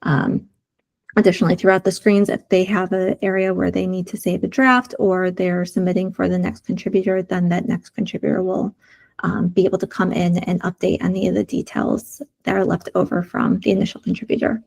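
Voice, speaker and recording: Presenting design prototypes in a community meeting video call, a woman explains every screen in turn while sharing her screen, using frequent fillers. She has a sore throat and is losing her voice, which sounds lowish, fairly quick, a little mellow, with vocal fry and little pitch movement.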